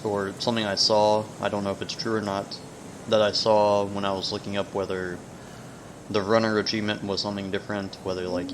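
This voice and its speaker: A man giving casual, rambling gaming commentary, haltingly trailing off mid-thought, with whistling S sounds. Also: on the low side. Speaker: video game let's player. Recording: noticeable background noise, sensitive mic.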